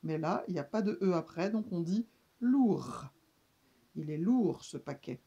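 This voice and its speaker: A woman giving a slow reading lesson to young children, stretching and repeating sounds for them. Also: on the low side, warm tone, breathy edge, dull audio. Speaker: speech therapist teaching reading.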